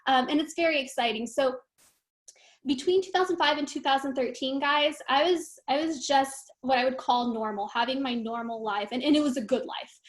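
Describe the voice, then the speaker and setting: High-voiced chatty woman. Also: normal speed. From Romania. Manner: candid, chatty with frequent fillers. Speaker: guest team leader. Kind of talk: casual talk on a live stream.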